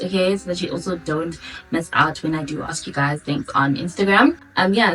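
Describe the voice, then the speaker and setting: A woman's voice: fairly low pitch, fairly bright tone. A 28-year-old South African woman from Durban chatting informally to her viewers in a casual question-and-answer vlog. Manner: chatty, informal, girl-talk address to viewers. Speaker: vlogger. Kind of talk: casual Q&A chat to camera. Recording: distant mic, background music.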